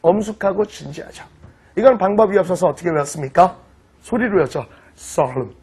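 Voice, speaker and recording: A middle-aged man teaching an online vocabulary lecture in an animated, teasing way, often checking that students follow. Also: high voice, fast, slightly rough. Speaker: English teacher.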